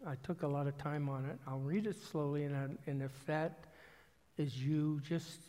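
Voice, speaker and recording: Man, pastor, sermon, slightly high voice, long reverb. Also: steady tone. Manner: slow, emphatic preaching that softens for prayer. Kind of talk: sermon with closing prayer.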